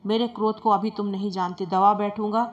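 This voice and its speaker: A woman's voice: medium pitch, level tone, a little fast, highs cut off, natural voice. A woman voicing a greedy, hot-tempered male priest who blusters and threatens. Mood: indignant.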